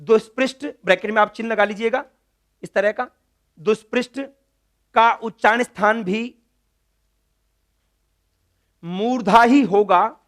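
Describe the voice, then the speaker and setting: A man's voice: high-pitched, normal speed, pauses often, a bit bright. A man teaching Sanskrit grammar in a classroom lecture, repeating key words and putting questions to the class that he then answers himself. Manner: asks students questions and answers them himself.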